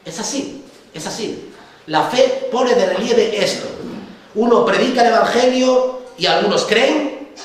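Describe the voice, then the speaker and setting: Spanish pastor preaching in an echoey hall. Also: male voice, very high-pitched, lively intonation, unhurried. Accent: Spain Spanish. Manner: conversational preaching, frequent tag questions. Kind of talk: sermon. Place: church hall. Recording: echoey church hall, distant mic, faint noise.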